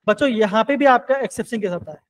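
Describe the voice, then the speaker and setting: A man with a high, light voice, teaching chemistry live online. He keeps circling back to his questions and coaxing his students to answer. His talk is steady and encouraging. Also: quick pace, rough recording.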